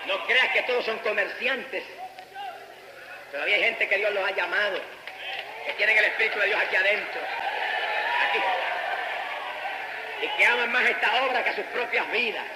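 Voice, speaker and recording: A man with a Puerto Rican accent preaching a fervent sermon as an evangelist, breaking into shouted praise between stretches of storytelling. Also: high-pitched, normal speed, pauses often, a loud crowd, heavy background noise. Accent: Puerto Rican Spanish. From Puerto Rico. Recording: echoey hall with long reverb.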